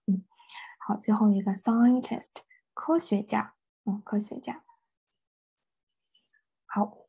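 Woman teacher, husky, mellow tone, patient repetition, walks through a word list. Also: a little high. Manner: patient, repeats each word, many fillers. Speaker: English teacher. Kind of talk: vocabulary lesson explaining words.

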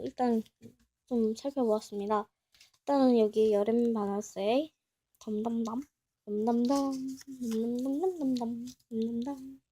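High-voiced young woman gushing over an unboxing. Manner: chatty, gushing and excitable, talks to herself. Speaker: vlogger. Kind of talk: casual unboxing chat.

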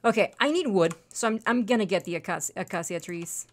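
A fast-talking woman with an animated, medium-pitched voice hosts a gaming channel, giving casual let's-play commentary. A native Spanish speaker, she's chatty and apologetic, addressing both her viewers and the animals and trees in the game.

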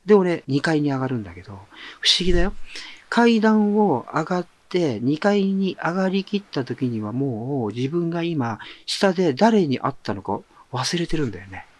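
A middle-aged man hosts a monologue show and tells a personal story in a relaxed, conversational way. His pitch rises and falls constantly, and he often drops to a quiet murmur. He talks with the easy rhythm of someone chatting to listeners. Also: moderate pace, no room sound. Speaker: author and monologue host.

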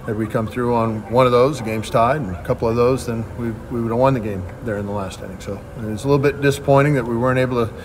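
Fast-talking middle-aged baseball coach. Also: male voice, medium pitch, fairly even intonation, a little hiss or hum. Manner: quick, plain-spoken answers with frequent restarts. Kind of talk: postgame press conference. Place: press backdrop at a ballpark.

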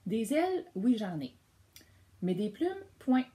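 A woman voicing a gentle, murmuring butterfly in a storybook reading, pitched higher. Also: big pitch swings, takes it slowly. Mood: light.

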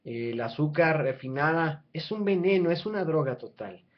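A man in his thirties speaks straight into a webcam from a small room at home, in a slightly high voice. He talks earnestly and persuasively, restarting himself and filling pauses as he goes. The sound is dull and lo-fi. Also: animated. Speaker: channel host. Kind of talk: casual talk to camera. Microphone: webcam at close range.

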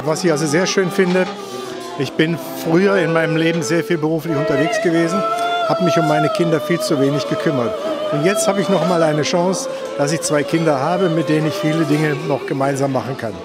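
Brief: older man, reflective, lively pitch, music behind. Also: fairly quick. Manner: warm, reflective. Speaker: private host of refugees. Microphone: handheld mic.

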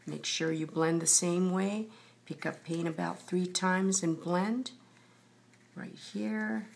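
A woman with a slightly low, husky voice teaches painting in the manner of a TV painting instructor. She talks through each step patiently and unhurriedly as she works. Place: indoors at a table.

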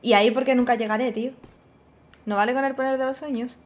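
A woman's voice: on the high side, steady tone, fast talker. Spanish-accented woman streaming a game. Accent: Spanish from Spain. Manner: swearing, exclaiming and laughing at the game. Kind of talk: casual gameplay commentary. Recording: faint game music behind.

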